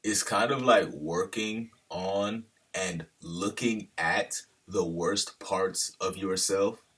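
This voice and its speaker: A man's voice: low voice, takes it slowly, fairly bright tone, husky, distant mic. A man talking casually to the camera in a loose, slangy monologue that drifts off on tangents. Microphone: camera held at a distance.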